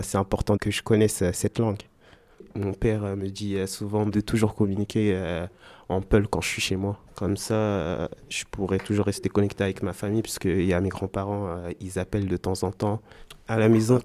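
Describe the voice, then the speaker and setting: Hesitant man with a dark, flat voice. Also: lowish voice. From Guinea. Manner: hesitant, many pauses and fillers. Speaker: student speaking about his home language. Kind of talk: personal testimony.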